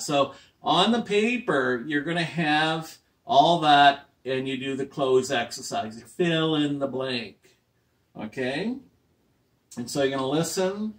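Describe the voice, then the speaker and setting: Slow, patient man teaching a class. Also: mid-range voice, recorded from a distance. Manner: slow, patient, checks in with "any questions?". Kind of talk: classroom lesson to language learners.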